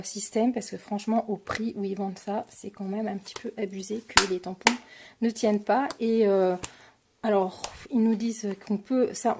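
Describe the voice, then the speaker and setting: French woman chatting haltingly over her craft buys. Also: medium pitch, slight background noise. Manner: hesitant, many fillers, shows items to camera. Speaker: crafting vlogger. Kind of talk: casual product haul.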